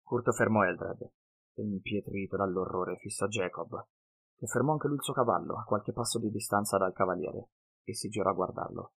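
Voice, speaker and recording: A male audiobook narrator with a lowish voice reads a fantasy tale. His delivery is steady and measured, scripted storytelling with an even flow. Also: gravelly, husky.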